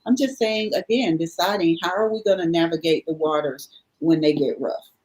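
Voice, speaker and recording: A woman's voice: on the low side, normal speed, darkish tone, rough recording. A woman guest speaking earnestly in a reflective, motivational conversation, repeating favorite sayings for emphasis.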